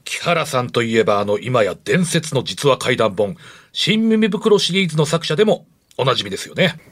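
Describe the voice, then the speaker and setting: A man's voice: mid-range voice, very animated, normal speed, fairly bright tone. A man co-hosting a radio show, giving polite scripted introductions and reactions. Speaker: radio co-host, pro wrestler.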